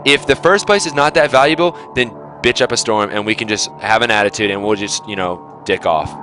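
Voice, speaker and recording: A man's voice: on the low side, fairly quick, fairly bright tone, soft background music. A young man giving his gaming team a blunt, lecturing talk on their attitude, swearing freely. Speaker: team captain.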